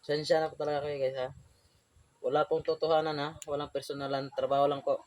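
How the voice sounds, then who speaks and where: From outside Manila in the Philippines, this young electrician vlogger talks casually through a tutorial at a job site, peppering it with "guys." He speaks fairly quickly in a fairly high voice with flat delivery.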